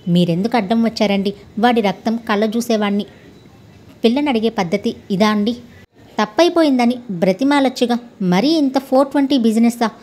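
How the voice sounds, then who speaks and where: A woman voicing a hot-tempered young man who blusters loudly and threatens his rival, in a storybook reading. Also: on the high side, fairly quick, close to an everyday voice. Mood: heated. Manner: loud, blustering.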